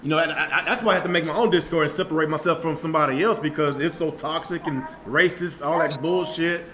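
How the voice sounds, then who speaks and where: A man's voice: on the high side, fast, a crowd in the background. Laid-back man in his thirties, hosting. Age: 30s. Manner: relaxed, friendly, often ends lines with "man". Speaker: host. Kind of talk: casual online panel chat.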